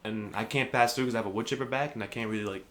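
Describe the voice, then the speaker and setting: A man's voice: lowish voice, racing. A young man co-hosting a podcast, telling stories in a casual chat, swearing a lot and acting out what people said. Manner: swears a lot, animated storytelling, acts out quotes loudly. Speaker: podcast co-host.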